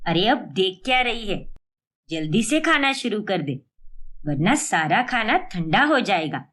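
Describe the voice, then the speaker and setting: A woman's voice: medium pitch, big pitch swings, unhurried, fairly bright tone. A woman doing a bossy scolding mother-in-law. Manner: scolding, domineering. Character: scheming bossy middle-aged mother-in-law. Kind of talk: cartoon story voice acting.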